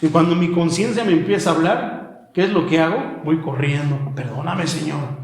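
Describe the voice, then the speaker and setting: A man's voice: a little high, lively intonation, moderate pace. A male pastor preaching a passionate sermon and often addressing the congregation as brother. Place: church. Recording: echoey room.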